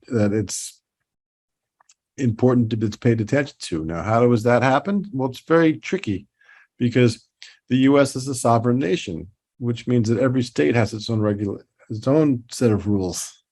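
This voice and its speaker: A man's voice: mid-range voice, moderate pace, a little mellow. A middle-aged man with a New York accent, talking as a toy-designer guest in a casual podcast interview, rambling with many restarts.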